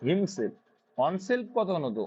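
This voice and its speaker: Speaking slowly and very animatedly, a Bengali-accented male tutor walks students through English grammar by asking and answering his own questions. His high-pitched voice is a little mellow and slightly rough, and the sound quality is dull and lo-fi.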